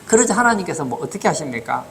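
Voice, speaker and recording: A man's voice: on the high side, very animated, fast talker, vocal fry, a little hiss or hum. A man preaching a sermon as pastor in a church, asking the congregation rhetorical questions.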